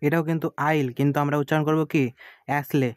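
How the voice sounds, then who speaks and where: A man's voice: on the high side, level tone, very fast, low-quality recording. A man with a Bengali accent teaching an exam-prep vocabulary lesson, asking questions and answering them himself. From West Bengal, India.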